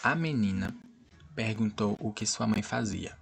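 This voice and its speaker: A man with a Brazilian accent teaches an online class in a low, gravelly, husky voice. He circles back over the same points and keeps asking the class whether they follow. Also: a little slow. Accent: Brazilian Portuguese. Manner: repetitive, checks students understand. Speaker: Portuguese teacher.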